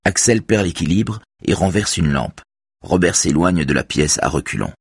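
Deep, husky male narrator. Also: expressive, moderate pace, no echo, clean studio sound. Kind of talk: scripted narration of a novel.

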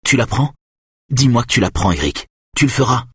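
Brief: nervous male colleague, pushy and pleading, husky voice, as a low-voiced narrator puts him on. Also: very animated, normal speed, no room sound, studio quality. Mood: anxious. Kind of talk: audiobook character voice.

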